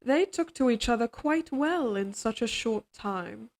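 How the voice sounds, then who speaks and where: Playing a possessive, regal queen in an audio roleplay drama, a woman speaks in formal, measured, courtly phrases that are tender but controlling. Her slightly high voice has lively intonation, and her mood is coolly firm.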